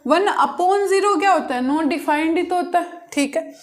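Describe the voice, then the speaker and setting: A woman with a high, light voice teaches a maths lesson. She works through each step patiently and repeats key points. She keeps asking the class questions and then answers them herself. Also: measured pace. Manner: patient, repetitive step-by-step explaining. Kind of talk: blackboard-style maths lesson.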